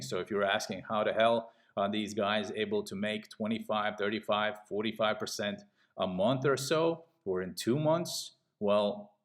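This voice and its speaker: In a casual pitch over trading charts, this trading channel host, a middle-aged man from Latvia, pushes hard and keeps tossing in "okay?" to check in.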